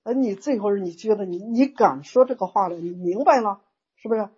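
A woman teaching a Buddhist Dharma talk in an animated, exclamatory way, acting out inner thoughts. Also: mid-range voice, fairly quick, breathy edge, muffled recording.

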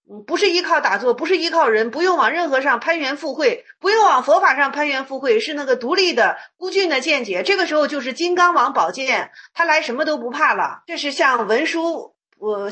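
Woman teaching chan koans, high voice, chatty and repetitive. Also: pushed and bright. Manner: colloquial, repetitive, acts out dialogues. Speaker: Buddhist teacher. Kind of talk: dharma talk explaining Chan koans.

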